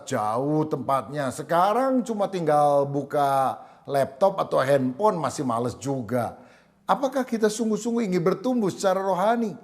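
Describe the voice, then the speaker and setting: Man preaching an animated sermon. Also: on the high side. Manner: lively storytelling, addresses listeners as saudara. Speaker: pastor.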